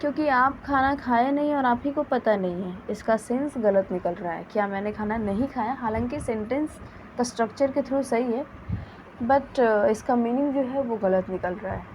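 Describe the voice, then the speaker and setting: A woman teaching a grammar lesson, dictating example sentences slowly and carefully. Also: on the high side, darkish tone, slight background noise, low-quality recording. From India. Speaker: English teacher.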